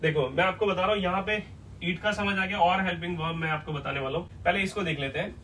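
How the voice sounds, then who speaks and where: Guy teaching english at a whiteboard, kinda high voice, mic a bit far off with faint hiss. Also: fast talker, bright, forceful tone. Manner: explains step by step, asks "clear?" often. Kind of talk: whiteboard lesson.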